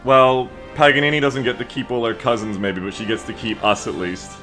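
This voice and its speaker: This man's medium-pitched voice is pushed and bright, level in tone and a little fast, as he streams a game with music behind him. He chats casually and jokingly about the game and swears freely.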